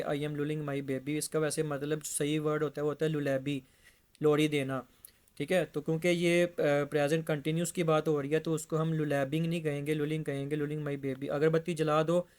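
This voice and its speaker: Man, English teacher, slightly high voice, flat and steady delivery. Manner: slow, deliberate, repeats example sentences. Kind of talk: explanatory language lesson.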